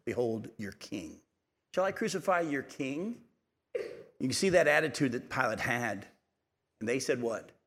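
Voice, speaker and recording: A male pastor delivering a sermon, asking the congregation rhetorical questions and building in intensity. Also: mid-range voice. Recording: long hall reverb.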